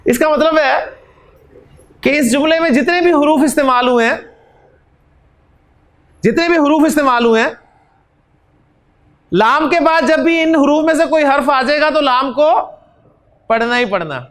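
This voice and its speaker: Slow, high-voiced teacher. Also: male voice, a bit bright. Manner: slow, repeats examples, drills students with questions. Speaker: Arabic teacher. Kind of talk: classroom lecture.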